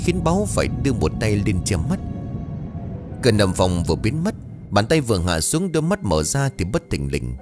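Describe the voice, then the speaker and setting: A man narrating a ghost story in a dramatic, expressive storytelling style. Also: fairly low pitch.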